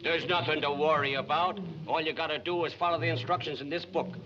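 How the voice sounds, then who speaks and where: An easygoing, obliging animal owner played by a man speaks in a slightly high voice. It is 1940s screwball comedy banter on a muffled, noisy film track. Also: fairly even intonation, a little fast, lightly acted. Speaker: film actor.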